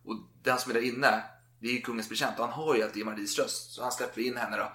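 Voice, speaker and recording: A man's voice: medium pitch, steady tone, fairly bright tone. A man telling a history story in a loose, chatty way, with plenty of casual swearing. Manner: chatty, swears freely, acts out quotes. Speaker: podcast co-host. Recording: roomy echo.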